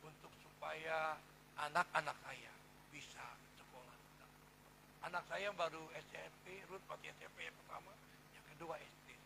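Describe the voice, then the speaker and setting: A middle-aged man preaching a sermon to a church congregation, shifting between hushed, intimate asides and loud, emphatic declarations. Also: on the high side, fairly even intonation, moderate pace. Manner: testimony-style preaching, repeats "saudara", swings between hushed and loud. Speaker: pastor. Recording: gravelly voice over clear background hum.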